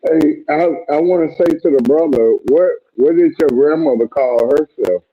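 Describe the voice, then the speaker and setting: A man's voice: a little high, normal speed, dark tone. A man joining a casual group chat over a muffled mic that makes him sound underwater, stammering as he repeats the same question. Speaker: call-in participant.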